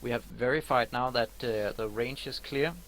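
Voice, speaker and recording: Halting, slightly creaky male live commentator. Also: medium pitch, steady tone, a bit bright, a little hiss or hum, low-quality recording. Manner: halting, searching for words. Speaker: live launch broadcast host.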